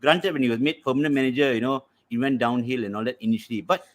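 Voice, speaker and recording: A man's voice: mid-range voice, fast talker. A man with a Malaysian English accent arguing persuasively on a football fan panel. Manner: animated, persuasive. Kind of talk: casual debate.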